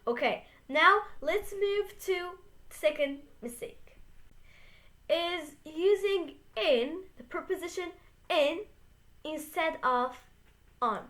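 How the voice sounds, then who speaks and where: Host: young woman, high voice, unhurried, careful lesson delivery, leans on example words. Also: animated, fairly bright tone. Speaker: English teacher, channel host. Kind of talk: beginner English lesson.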